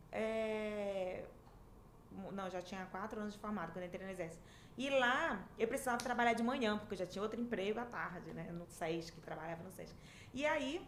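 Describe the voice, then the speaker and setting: A lively woman in her fifties from Manaus, Brazil, talks warmly and at length as a guest on a podcast, where she's a dentistry professor. She speaks Brazilian Portuguese with an Amazonas accent in a slightly high voice, telling stories chattily with lots of fillers. The casual interview is recorded in an echoey room with faint background hiss.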